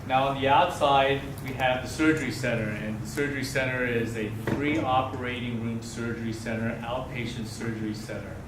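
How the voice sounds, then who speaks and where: A man giving a welcome speech in front of an audience, speaking haltingly to the gathered crowd as one of the hosting partners. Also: medium pitch, steady tone. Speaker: medical center partner giving opening speech. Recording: echoey, noisy venue, distant microphone.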